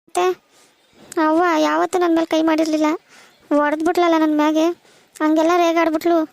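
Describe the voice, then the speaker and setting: Woman playing a crying cartoon teen girl, very high and narrow-pitched, fast, gravelly, pleading. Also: level tone, darkish tone. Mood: tearful. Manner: pleading, worried questions. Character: tearful teenage village daughter, anxious and pleading. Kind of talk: cartoon voice acting.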